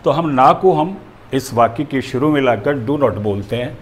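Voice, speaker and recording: A man's voice: medium pitch, lively intonation, measured pace, slight background noise. A male teacher explaining a grammar lesson, methodical and going through examples step by step.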